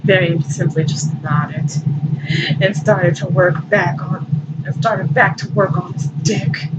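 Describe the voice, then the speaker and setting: A woman with a fairly low, steady voice and a slow pace hosts a fan fiction show, reading dramatically and breaking off for amused, casual asides. The recording is muffled and noisy, captured by a distant microphone.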